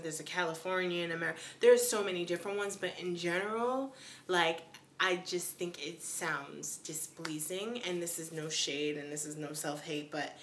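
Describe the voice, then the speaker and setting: Brief: young woman, casual live-stream vlogger, slang-heavy, a little low-pitched, roomy recording with faint hum. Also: fairly bright tone. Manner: slangy, chatty, lots of "like". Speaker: YouTuber answering viewer questions.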